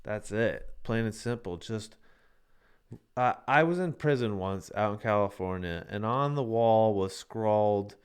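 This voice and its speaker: A man's voice: on the low side, unhurried, smooth. A man hosting a live-streamed show, talking casually and ranting in a heated, profane way. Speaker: livestream show host.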